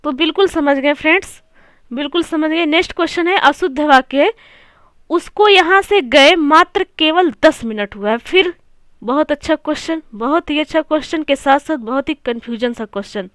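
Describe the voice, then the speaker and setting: A woman's voice: high voice, normal speed, a bit bright, no echo, studio quality. A woman teaching an exam-prep grammar lesson, often repeating phrases, asking rhetorical questions and calling her viewers friends.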